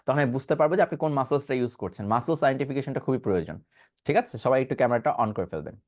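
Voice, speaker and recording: A man's voice: mid-range voice, animated, very fast, a little mellow. A man giving an online pronunciation class, asking questions and answering them himself, and demonstrating sounds. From Bangladesh. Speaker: pronunciation teacher.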